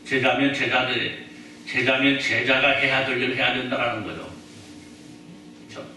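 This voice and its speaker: Chatty pastor in an echoey church. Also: male voice, medium pitch, little pitch movement, moderate pace, sharp tone, slight background noise. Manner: chatty, joking, asks the congregation questions. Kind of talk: sermon. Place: church sanctuary. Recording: echoey church hall, mic at a distance.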